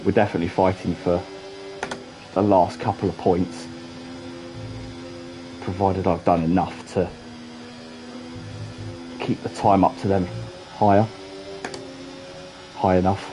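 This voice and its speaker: A man's voice: low voice, little pitch movement, slow pace, long pauses, music in the background, rough recording. A man giving casual, chatty commentary while streaming a racing game, with dry asides.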